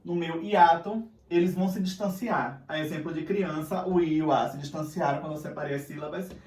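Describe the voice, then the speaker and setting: A man's voice: on the high side, fairly even intonation, fast talker, a little mellow, far from the mic. A man with a Brazilian Portuguese accent teaching a recorded grammar lesson, patient and often checking in with his students. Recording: echoey room, voice away from mic.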